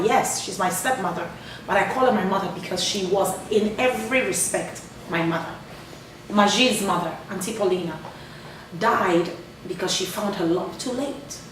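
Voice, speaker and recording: A woman speaking earnestly and emphatically, with touches of humor, as a guest in a live radio interview. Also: medium pitch. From Ghana. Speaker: charity founder and cancer survivor. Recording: echoey room, distant mic, background noise.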